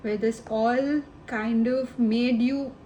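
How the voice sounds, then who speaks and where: Slow-talking affectionate woman tarot reader. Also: on the high side, fairly even intonation, warm tone, slight background noise, rough recording. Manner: affectionate, rambling, addresses viewer as babe and honey. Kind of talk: casual tarot reading to camera.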